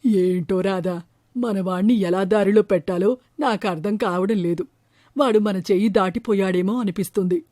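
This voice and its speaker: A woman's voice: mid-range voice, normal speed, mellow, dry recording, clean studio sound, pitched below the performer's own voice, natural voice. A woman voicing a worried, caring village father who herds cows, in a storybook tale. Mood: troubled. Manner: earnest, worried.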